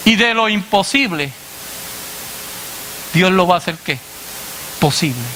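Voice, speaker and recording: A man preacher delivering a sermon to a congregation, asking "what?" and answering himself in a lower voice, addressing listeners as brother. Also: expressive, a little slow, bright, forceful tone, a little hiss or hum. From Latin America. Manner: call-and-response questions, dropping low on the answer.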